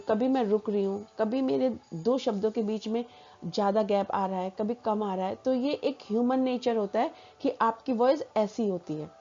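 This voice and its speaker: A woman teaching a personality development lesson, explaining in a measured way with spoken examples. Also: a little high, dark tone, dull audio.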